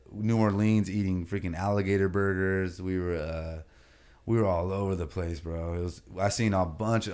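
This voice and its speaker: A deep-voiced man, a comedian and content creator, chats as a podcast guest in a casual storytelling style. His voice is smooth, resonant and a little mellow, and he's easygoing and slangy, peppering his stories with "you know what I mean" and "bro" to keep checking in with his listener.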